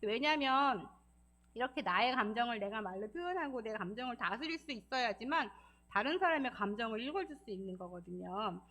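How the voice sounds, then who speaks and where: A woman giving a church lesson, lively and encouraging, acting out quoted feelings in changing voices. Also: on the high side, a little fast. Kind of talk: Sabbath school talk.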